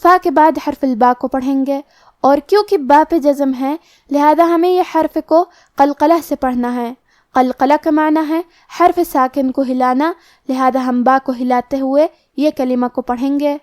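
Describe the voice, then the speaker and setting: A woman teaching the rules of Quran recitation in a scripted lesson, explaining each rule step by step and reciting the words slowly. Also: sits high, fairly even intonation, darkish tone, no echo, studio quality.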